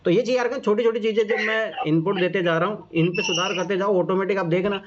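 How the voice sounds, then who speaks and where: A male exam coach with a high-ish, steady voice talks fast while reviewing answer copies in an informal coaching session. Casual and encouraging, he patiently repeats his reminders, and the lo-fi recording is muffled with clear background noise.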